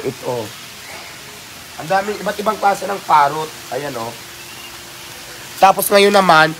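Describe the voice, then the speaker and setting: A man hosting a casual vlog tour of an outdoor animal park, talking with excitement and cooing baby talk at the animals. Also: a little high. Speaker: vlogger host. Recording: loud outdoor noise with birds.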